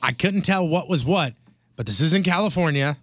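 A man's voice: fairly high pitch, animated, fairly quick, a bit bright. A man co-hosting a radio show, bantering casually and reading listings aloud.

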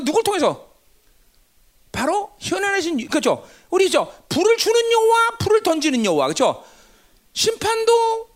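A woman giving a sermon-style Bible lecture. She keeps asking her listeners rhetorical questions and answers them herself, with emphatic bursts and sudden low, hushed asides. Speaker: Bible teacher.

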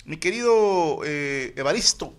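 A man's voice: a little high, animated, a little slow. A man with a Mexican accent hosting a casual podcast, reading listener messages aloud with crude jokes. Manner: crude joking, reads shout-outs aloud. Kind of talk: casual group banter.

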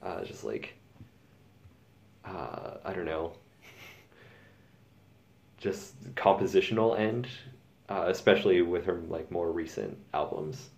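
Deep-voiced rambling male podcast host. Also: lively intonation, slow pace, gravelly, pauses often, darkish tone. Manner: rambling, many fillers and laughs. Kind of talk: casual music discussion.

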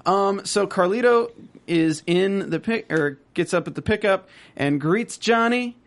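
A man's voice: high-pitched, a little slow. A man co-hosting a casual recap podcast, rambling and joking, often acting out characters as he retells scenes. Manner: rambling, animated storyteller who jokes and acts out characters. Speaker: podcast co-host.

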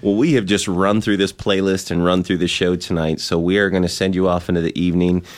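A man's voice: deep voice, flat delivery, fairly quick. A young man hosting a radio show, chatting casually and signing off the evening. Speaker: radio host.

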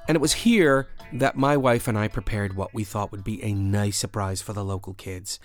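A man hosting a radio show, telling a first-person story in a measured, expressive way and raising his voice at the tense moments. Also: fairly low pitch, faint music behind.

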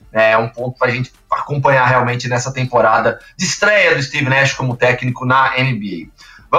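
A man's voice: mid-range voice, bright, forceful tone, roomy sound, far from the mic. A man hosting a basketball podcast, explaining the news in a chatty way with many fillers. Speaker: podcast host.

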